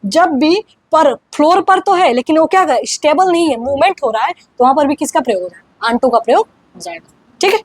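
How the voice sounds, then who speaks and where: A young woman teaches grammar in a loose, chatty way, often checking that her students are following. She reads example sentences slowly, word by word, in a high voice. The recording is dry and close, with no room echo. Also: expressive. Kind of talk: casual online grammar lesson.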